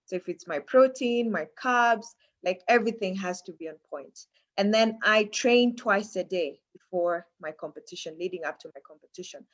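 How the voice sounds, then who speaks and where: On a slightly muffled recording, a woman with a Kenyan accent chats as an interview guest. Her voice sits at a medium pitch, and she talks casually, repeating phrases for emphasis. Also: normal speed.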